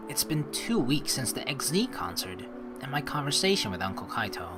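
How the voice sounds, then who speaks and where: With video game music in the background, this Dutch let's play streamer, a young man, reads out the game and chats in a crude, swearing, jokey manner. He speaks at normal speed in a medium-pitched voice that swings widely in pitch.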